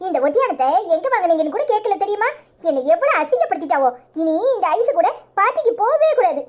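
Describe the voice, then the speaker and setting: A woman voicing a fussy, fashion-proud village wife in a cartoon, speaking Tirunelveli Tamil and complaining indignantly. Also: very high-pitched.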